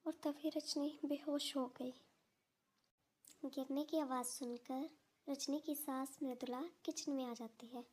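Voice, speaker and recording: Brief: woman storyteller, calm narration for a short video. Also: high-pitched, slow pace, slight background noise.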